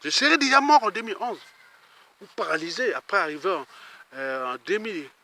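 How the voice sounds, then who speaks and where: A middle-aged man giving an impassioned political monologue, rambling and heated, his voice jumping up when angry and trailing off low. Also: animated, a little fast, pushed and bright. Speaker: political activist.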